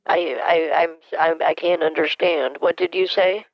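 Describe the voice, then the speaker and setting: A man's voice: a little high, steady tone, measured pace, dry recording. A man putting on the voice of a frail, confused elderly woman who is hard of hearing and stammers, asking for things to be repeated. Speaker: caller posing as a victim. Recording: muffled phone call.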